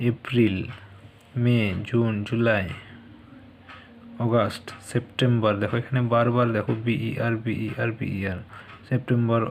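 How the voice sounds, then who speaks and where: A man gives a spelling lesson to children, sounding out each word and spelling it letter by letter at an unhurried pace. His voice stays level and even throughout, with a faint hiss in the background. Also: mid-range voice, gravelly. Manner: slow, spells out letters one by one. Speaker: teacher.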